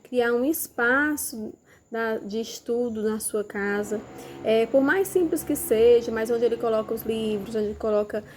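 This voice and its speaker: A woman's voice: on the high side, moderate pace, a little mellow, faint music behind. A woman teacher, talking parents through letter activities in a casual instructional way and modeling questions as if to a child. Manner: demonstrates with materials, asks questions as if to a child.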